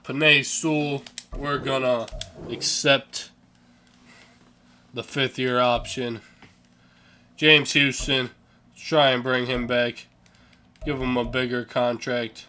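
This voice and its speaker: A man's voice: medium pitch, little pitch movement, takes it slowly, pauses often, sharp tone. A young man giving casual, offhand commentary over a sports video game, yawning and sleepy, swearing now and then and stumbling over names. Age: young adult. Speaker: gaming channel host.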